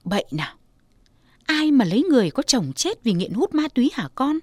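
A woman voicing a weary, hardworking mother in her forties who speaks low and tenderly. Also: sing-song, brisk, a little mellow, no echo. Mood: surprised.

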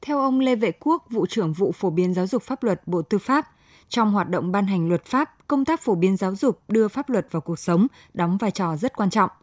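Woman reading a news script, dry close sound, steady formal delivery. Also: medium pitch, normal speed, dry recording. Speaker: news presenter.

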